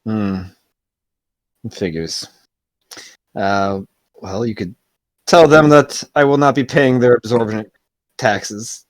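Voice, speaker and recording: A game master voicing a sly, flirtatious cat merchant with a dry, unhurried, smug drawl, in a tabletop fantasy game. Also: medium pitch, no echo, lightly acted. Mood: weary, dismissive.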